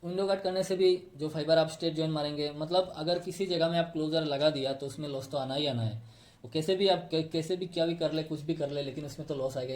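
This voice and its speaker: A man's voice: on the high side, darkish tone. A man explaining step by step how fiber optic cables are tapped and connected, pointing to a diagram he drew. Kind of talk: technical tutorial.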